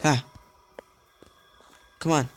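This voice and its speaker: A man's voice: very slow, a little hiss or hum. A young man giving let's play commentary, talking to himself and getting frustrated as he goes. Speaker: gamer.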